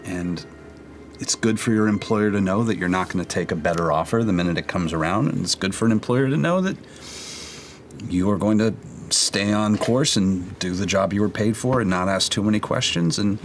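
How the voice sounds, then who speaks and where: A man's voice: on the low side, moderate pace, slight background noise, natural voice. A man playing a blunt, pragmatic mercenary in tabletop role-play, speaking matter-of-factly. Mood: firm, frank.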